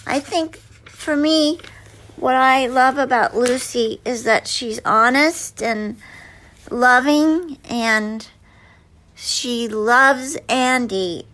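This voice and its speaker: A woman's voice: sits high, drawn-out words, fairly bright tone. A woman being interviewed as an actress guest, telling stories in a rambling way with many fillers and restarts. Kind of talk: interview answers, storytelling.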